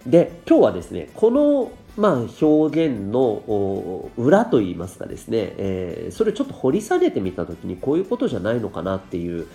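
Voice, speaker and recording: Nasal and congested from rhinitis and dust, a parenting coach hosting a solo podcast politely explains things to his audience. His lowish, warm voice swings widely in pitch, and he talks briskly with few pauses. Light music plays in a roomy, echoey recording.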